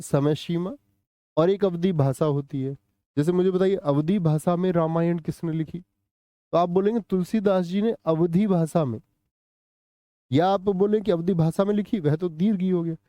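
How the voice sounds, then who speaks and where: Male teacher on a live exam-prep stream, keeps questioning the class; higher pitch, warm and mellow, dry room. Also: no room sound, dull audio. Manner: quizzes students with repeated questions, answers live chat. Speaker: Hindi teacher.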